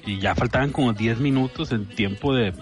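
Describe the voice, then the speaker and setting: Man, Mexican accent, middling pitch, joking bro slang, casual anecdotes, faint music behind. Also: normal speed. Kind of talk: casual chat, telling anecdotes.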